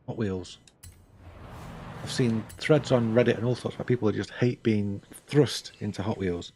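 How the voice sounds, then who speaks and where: A man's voice: fairly low pitch, normal speed, dark tone, slight background noise. An older man chatting casually on a game stream, rambling with dry, self-mocking humor. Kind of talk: casual live-stream chat.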